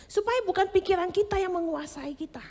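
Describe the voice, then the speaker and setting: A woman preaching a sermon, expressive, slipping into English phrases and acting out quoted inner voices. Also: very high voice, fairly quick. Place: church hall. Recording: long hall reverb.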